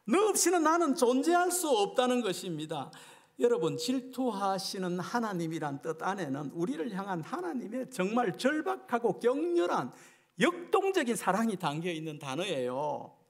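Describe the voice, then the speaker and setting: Middle-aged male revival preacher with a high-pitched, animated, emphatic delivery built on rhetorical questions. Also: moderate pace. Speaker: guest preacher at a revival meeting. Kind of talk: sermon.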